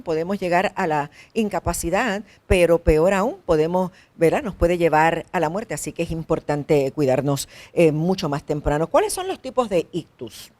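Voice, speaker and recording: A woman's voice: lowish voice, darkish tone. A woman hosting a health interview, asking questions and rephrasing the answers for listeners. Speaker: health show host.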